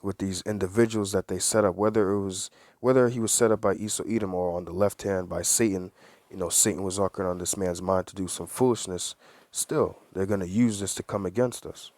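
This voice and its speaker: A man with a fairly low voice delivers preachy religious commentary. He leans hard on certain words, circles back to repeat phrases, and fires off rhetorical questions. The sound is dry and close, with no room echo. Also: fairly even intonation, a little fast, a little mellow. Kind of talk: preachy commentary with read-aloud news.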